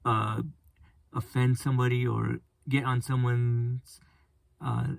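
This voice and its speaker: A man hosting a casual solo podcast, speaking in a flat, monotone voice and rambling with frequent restarts. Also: mid-range voice, takes it slowly, vocal fry, dry recording. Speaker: podcast host.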